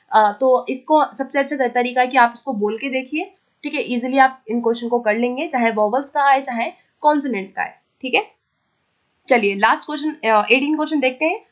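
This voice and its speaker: A young woman teaching an exam-prep lesson in a Hindi accent, explaining patiently and checking in often with the class. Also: high-pitched. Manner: explanatory, repeats "theek hai" to check in; slows down to read questions aloud.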